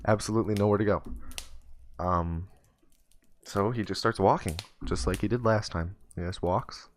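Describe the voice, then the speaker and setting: Low-pitched man, casual profane storyteller, faint keyboard clicks under him. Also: normal speed, slight background noise. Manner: loose, profane, rambling with fillers. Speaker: streamer.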